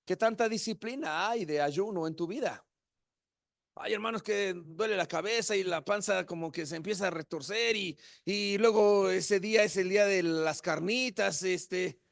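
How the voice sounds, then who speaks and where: High-voiced impassioned preacher. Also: male voice, moderate pace, gravelly, dry recording, studio quality. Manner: impassioned, swinging from hushed to shouted. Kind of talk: sermon.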